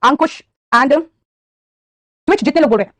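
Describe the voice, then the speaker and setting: A woman's voice: sits high, expressive, normal speed, fairly bright tone, slight background noise. A woman with an Indian English accent teaching vocabulary in an online class, quizzing students and praising them by name. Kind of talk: online live class, Hindi mixed with English.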